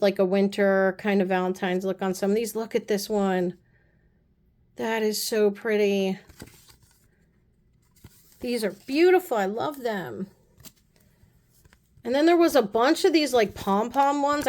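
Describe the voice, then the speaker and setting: A woman casually chatting through a nail art haul, gushing and often dropping her voice to soft low asides. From United States. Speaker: beauty vlogger. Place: apartment room.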